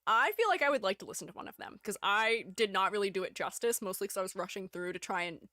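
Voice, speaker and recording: A woman's voice: medium pitch, quick pace, pushed and bright, no room sound, clean studio sound. A woman streamer chatting casually, giggly and loose, with lots of "like" and "um".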